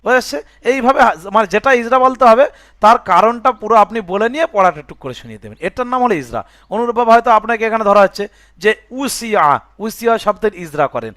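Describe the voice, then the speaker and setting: Speaking fast with big pitch swings from a high register, a man gives a Quran reading lesson, taking words apart into letters and vowel marks and confirming understanding with "বুঝে আসছে?". His tone is fairly bright, and the studio-quality recording is dry.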